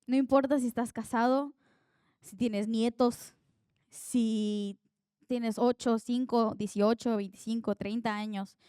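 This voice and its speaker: Speaking slowly and steadily, a young woman preaches with earnest warmth, sharing personal stories in a conversational style. Her voice is fairly high, smooth, and mellow, recorded close and dry with hardly any room echo.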